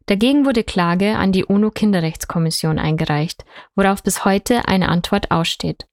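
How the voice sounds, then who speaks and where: A woman narrating a report in a calm, explanatory way. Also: mid-range voice, normal speed, dry recording, studio quality. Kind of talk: scripted narration.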